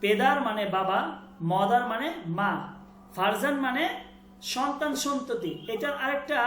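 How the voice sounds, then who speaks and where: A woman teaching a Persian class who says each word again and again slowly and keeps quizzing her students. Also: on the high side, roomy sound, slight background noise. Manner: drills words by repeating them slowly, quizzes students. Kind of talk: online class lesson.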